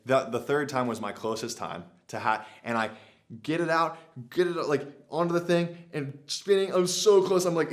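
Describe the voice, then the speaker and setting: A young man vlogging, telling a story casually to camera with lots of filler words and acted-out quotes. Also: medium pitch. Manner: animated, many "like" fillers, acts out his own past lines. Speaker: adventure vlogger.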